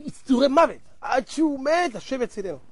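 A male preacher telling a parable in a sermon. He talks dramatically, swinging between loud exclamations and hushed asides, and addresses the audience directly. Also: extremely high pitch, very animated, no room sound.

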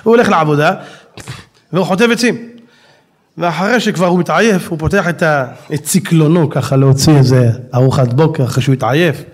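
A male preacher delivers a sermon with an animated storytelling manner. His voice sits high, and he turns to his listeners with rhetorical questions.

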